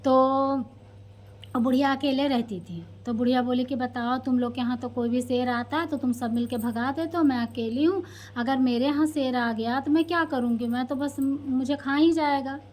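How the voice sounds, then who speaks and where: High-voiced chatty woman vlogger. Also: fairly even intonation, normal speed, darkish tone. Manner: chatty, addresses viewers directly. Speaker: vlogger telling a story. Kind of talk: casual storytelling.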